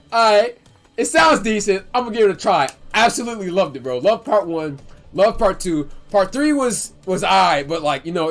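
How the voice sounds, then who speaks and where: Young male streamer, high and expressive, emotional chatty storyteller. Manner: animated, emotional, talks fast with slang and self-interruptions. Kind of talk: casual storytelling.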